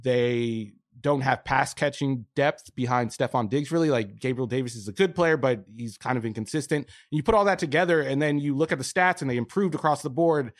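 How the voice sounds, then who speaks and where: Male analyst guest, middle pitch, matter-of-fact sports breakdown, dry studio sound. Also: a little fast, hardly any pauses, dry recording.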